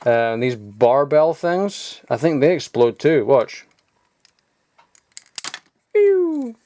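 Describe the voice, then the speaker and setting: A young toy-collector vlogger rambles casually while showing off old collectible toys in his home loft, offhand and chuckling at himself. His mid-range voice is sing-song and dark in tone, and he speaks slowly in this show-and-tell.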